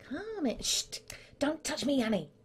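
A woman voicing a nervous, prickly young woman who talks low, quiet and tense in a comedic gaming role-play. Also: big pitch swings, moderate pace.

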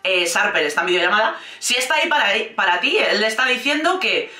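A reality TV commentator with a Spain Spanish accent gives casual, blunt reactions, swearing freely and mocking as she goes. Her bright, sharp, medium-pitched voice is very animated and fast, picked up far from the mic in a roomy, echoey space.

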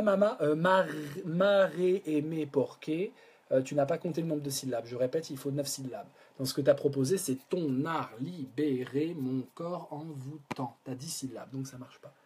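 A man's voice: on the high side, husky. French man working out song lyrics aloud. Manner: sings lines over guitar, then breaks off to talk quickly and softly about syllables. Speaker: songwriter leading a live collaborative session. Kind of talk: singing drafts and talking through lyric edits with chat. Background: guitar.

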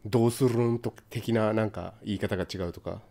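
A man's voice: on the low side, fairly even intonation, fairly quick, gravelly, a crowd in the background. A man hosting a game let's play, teasing and bossing his co-host in casual chat on a close mic. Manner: teasing, bossy banter.

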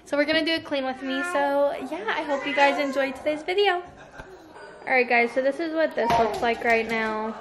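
A young woman films a casual cleaning vlog around her family's kitchen and living room, chatting to the camera and to her toddler and baby. Her voice is high and her pace normal. She holds the camera in her hand, often close to her.

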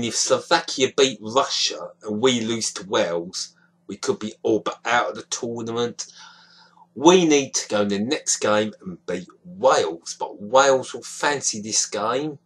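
A young man reacts to a football match on his webcam from a small, dim room, sounding frustrated and disappointed and gesturing a lot with his hands. His voice is fairly low with a breathy edge, caught at close range by the webcam in a rough recording. It's casual webcam commentary.

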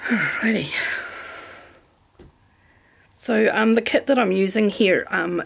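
A middle-aged woman with a New Zealand accent, chatting casually at home as she plans, relaxed and full of ums. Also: mid-range voice, slow, gravelly, husky. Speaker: planner vlogger. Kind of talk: casual craft chat. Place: home room.

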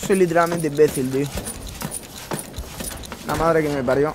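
A young man from Spain with a Spanish accent, chatting excitedly and casually to viewers while commentating his own gameplay. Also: on the high side, moderate pace. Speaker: gaming YouTuber. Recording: noisy with game sound. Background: game sounds.

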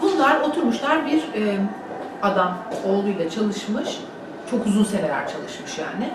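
A woman's voice: mid-range voice, lively intonation, normal speed. Woman chatting casually, kinda searching for words, super echoey, far from the mic. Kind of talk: casual chat, explaining informally. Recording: very echoey room, distant mic, noisy.

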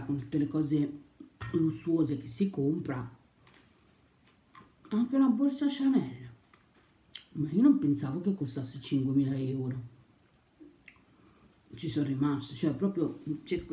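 A young woman YouTuber chats casually on her vlog while eating breakfast, rambling and occasionally talking with her mouth full. Her voice sits low and has a warm tone, and the room sounds echoey.

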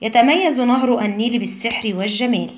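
A woman teacher reads out a children's Arabic lesson in a slightly high voice. Her delivery is slow and deliberate, and she pauses after each word in her lists. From Egypt. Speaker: primary school Arabic teacher. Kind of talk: recorded classroom lesson.

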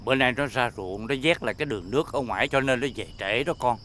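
A man's voice: medium pitch, fast talker, a bit bright, a little hiss or hum, close to an everyday voice. An actor playing a fond, shrewd grandfather coaxing his grandchild at dinner, in a TV drama. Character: doting, shrewd old grandfather at family dinner. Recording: background music.

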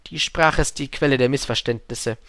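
A man voicing a talkative, wistful male fox in an audiobook, speaking up with a lively, pleading tone. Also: medium pitch, moderate pace, dry recording, studio quality, close to an everyday voice. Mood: earnest. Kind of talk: audiobook reading.

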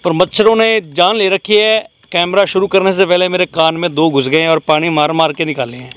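A young paranormal vlogger hosts a night-time vlog outdoors in a rural wooded area, talking casually to viewers as friends and grumbling about mosquitoes. He speaks through a camera-mounted mic on a handheld camera, his smooth, fairly bright voice sitting high with a steady tone and a slightly fast pace.

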